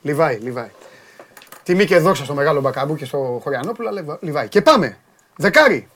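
A man with a notably high voice leads a lively sports panel chat. He is animated and teasing, and he rattles off repeated words in quick bursts. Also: a little hiss or hum.

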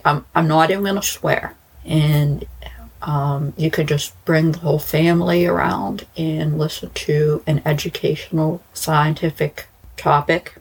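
A woman's voice: low-pitched, creaky, breathy edge. A woman podcast host giving a casual solo update to listeners, in a rambling, informal way. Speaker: true crime podcast host.

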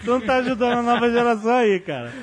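A man's voice: very high-pitched, expressive, very fast. A man, hosting a casual podcast, reading listener emails aloud and laughing often. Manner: laughs often, corrects grammar points.

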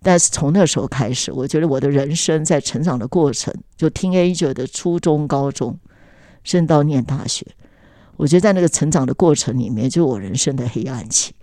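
A woman's voice: deep voice, fairly quick, mellow, dry recording, clean studio sound. An adult woman talking casually on a podcast, recounting personal memories in an earnest, reflective way.

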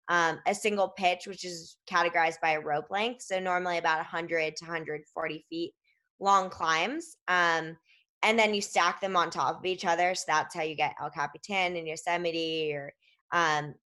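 A woman's voice: lowish voice, fairly bright tone. A woman climber telling stories in casual conversation, chatty and filling her speech with "like".

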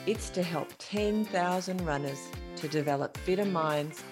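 Over music, a woman with a lowish voice speaks at a measured pace while hosting a podcast interview. She is enthusiastic and chatty, stumbling over her words and frequently starting her questions over.

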